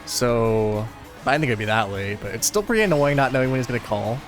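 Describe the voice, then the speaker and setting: This young man's medium-pitched voice is animated and quick, with soft music behind it. As a gaming video host playing a racing game, he tells a loose, easygoing story stuffed with fillers.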